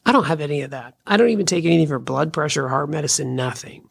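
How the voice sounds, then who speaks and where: Gravelly-voiced woman in her fifties hosting. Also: low voice, fast talker. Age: 50s. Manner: earnest, encouraging, conversational. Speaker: podcast host. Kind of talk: solo podcast talk.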